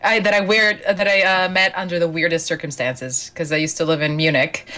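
A woman's voice: lowish voice, fairly even intonation, a little fast, sharp tone. A woman from Slovenia, a native Slovenian speaker, chatting as a podcast guest in a self-deprecating way over a video call. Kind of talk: casual chat.

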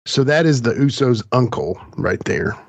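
A man's voice: medium pitch, animated, normal speed, slightly rough, no echo. A man hosting a casual film watch-along, chatting and commenting in a jokey, rambling way. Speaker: watch-along podcast host. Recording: dry, dull lo-fi mic.

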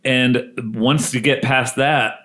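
A man's voice: mid-range voice, steady tone, slow, a bit bright. A man hosting a casual interview, rambling a little and searching for his words. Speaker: podcast host.

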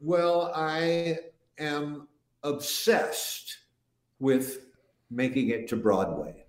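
In a casual interview, an older man who is a guest musician tells long, rambling stories, often restarting his sentences. His voice is a little high and animated, he draws out his words, and the recording has a roomy echo.

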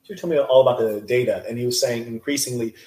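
A man's voice: mid-range voice, fast talker, dark tone. Slangy joking man in an echoey room. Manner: slangy, jokey, laughs often. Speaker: podcast host. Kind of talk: casual chat.

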